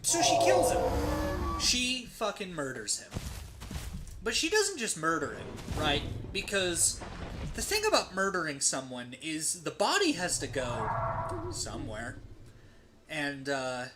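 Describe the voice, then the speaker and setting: There are huge pitch swings in this mid-range voice as the streamer spins a funny, profane tale during gameplay, landing dramatic pauses and rhetorical tags. Background noise can be heard.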